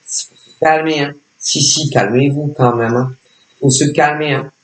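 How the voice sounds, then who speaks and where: A man talks through a tarot reading in an unhurried, halting way, circling back and repeating himself with constant fillers. His voice sits a little high for a man. The room around him rings with noticeable echo. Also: steady tone. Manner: hesitant, repetitive, full of filler words. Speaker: psychic reader. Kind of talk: casual spoken tarot reading.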